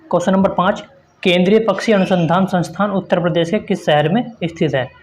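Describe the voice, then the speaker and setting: A man with a notably high-pitched voice speaks fairly quickly while teaching an exam-prep lesson. He reads out quiz questions and answers, then explains them instructively, repeating points for emphasis.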